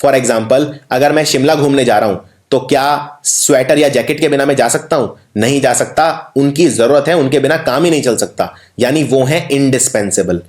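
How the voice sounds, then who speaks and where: A man with an Indian accent teaching English spelling for an exam, explaining each word slowly and spelling it letter by letter. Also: medium pitch, darkish tone. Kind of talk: exam-prep spelling lesson. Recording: roomy echo.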